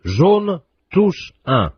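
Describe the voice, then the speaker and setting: A deadpan phone-menu operator, played by a man, reels off silly options in a flat, official cadence. His voice is very husky and lively in pitch. It sounds dull and muffled. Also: drawn-out words, exaggerated voice. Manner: stiff recorded-menu delivery. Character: male phone-company automated operator, absurd.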